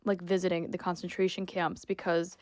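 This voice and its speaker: A woman's voice: on the low side, flat delivery, a little fast, a little mellow, no echo, studio quality. A woman in her twenties, from New York, speaking as an interview guest in an emphatic, opinionated way with lots of "like" fillers. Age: 20s. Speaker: guest, sports reporter and influencer. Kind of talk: casual interview talk.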